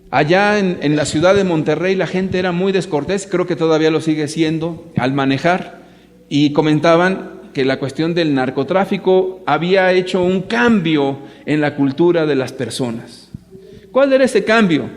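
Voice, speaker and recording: A man preaching to a live audience. He speaks emphatically, asks rhetorical questions and addresses his listeners directly. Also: fairly high pitch. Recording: echoey hall reverb.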